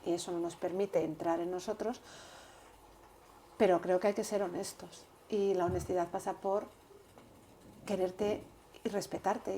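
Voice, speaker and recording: A woman guest in an interview, talking earnestly and in a measured way, often repeating words while she thinks. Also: mid-range voice, warm tone, slight background noise. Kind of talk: reflective interview talk.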